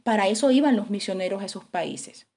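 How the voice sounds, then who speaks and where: A woman's voice: mid-range voice, a little fast, warm tone. A woman preaching a sermon and telling a story dramatically, acting out the quotes as she goes.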